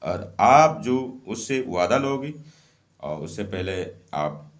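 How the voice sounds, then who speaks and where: Guy with a lowish voice walking you thru ritual steps, says everything twice, keeps saying okay. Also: sing-song, slow. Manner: repeats each step, often checks with "okay". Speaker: ritual instructor. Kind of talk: casual spoken instruction.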